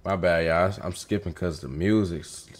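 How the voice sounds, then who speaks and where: A man with a very low, deep voice hosts a live stream and reacts to a video into a headset mic. He talks in a laid-back, slangy way, straight to his viewers. A faint hiss sits under his voice. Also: normal speed. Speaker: livestream host reacting to a video. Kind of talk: casual live reaction commentary.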